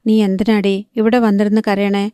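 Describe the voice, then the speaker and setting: Woman reading a harried village mother for an audiobook: sharp when scolding, gentle when soothing, mellow and smooth, dry close sound. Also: mid-range voice, level tone, fairly quick, no room sound, close to an everyday voice. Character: stern, harried young fishing-village mother.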